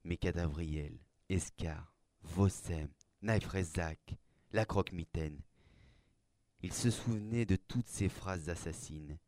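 A man narrating a dark fantasy story aloud, with a measured, dramatic reading. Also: sits low, no room sound. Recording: faint background music.

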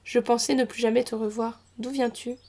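A woman's voice: a little high, flat delivery, a little fast, mellow, close to an everyday voice. A woman reading as an old tearful widow mother. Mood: wistful. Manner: pleading, reproachful.

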